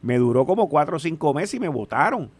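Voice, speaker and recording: A man in his sixties with a Puerto Rican accent, chatting casually and telling stories in an animated way, often putting questions to the listener. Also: a little high, fast talker, breathy edge. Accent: Puerto Rican Spanish. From Puerto Rico. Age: 60s. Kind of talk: casual storytelling chat.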